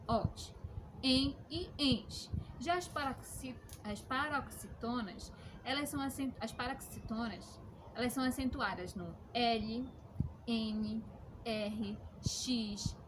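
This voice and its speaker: A woman's voice: a little high, background noise. A woman teaching a lesson to children, explaining patiently and checking in with them often. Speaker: schoolteacher.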